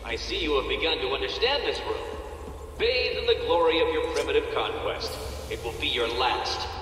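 A man's voice: fairly high pitch, expressive, normal speed, bright, forceful tone. An actor playing a smug, gloating male villain in a video game, theatrical, condescending and mocking. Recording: echoey hall, distant, noisy game ambience.

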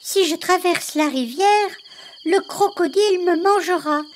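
A man voicing a small frightened boy in a storybook reading, speaking slowly and plaintively. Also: very high voice, a little hiss or hum, voice pushed up. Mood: worried. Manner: slow, plaintive, childlike.

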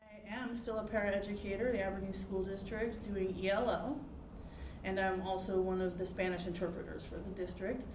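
A woman's voice: medium pitch, steady tone, moderate pace. Thirties woman, sincere interview answers, classroom mic sound with echo. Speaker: teacher education student. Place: classroom, indoors. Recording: echoey classroom with light noise.

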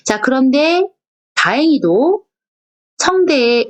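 Woman from Korea, language teacher. Slightly high, very lively pitch. Patient, repetitive lecture pace, sounds out syllables one by one. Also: slow pace. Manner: patient, repeats each point, asks questions to the class. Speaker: Japanese teacher. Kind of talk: recorded online class lecture.

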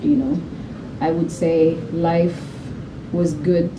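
A woman in her thirties from Uganda, a guest telling her life story in a relaxed, chatty way. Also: lowish voice, takes it slowly. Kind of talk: casual interview conversation. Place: outdoor garden patio. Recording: echoey with clear background noise.

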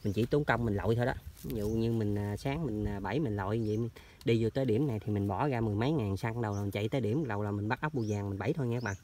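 Chatty, fast-talking man outdoors. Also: lowish voice, darkish tone. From southern Vietnam. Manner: chatty, addresses viewers constantly. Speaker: trapping vlogger. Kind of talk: casual outdoor vlog narration. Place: outdoors in rural orchards and canal banks. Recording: noisy outdoor field recording.

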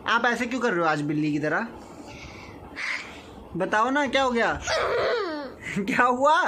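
His voice is extremely high and lively in intonation, his pace a little slow. The young man is vlogging casually indoors at his family home, playfully coaxing a small child, in a noisy recording.

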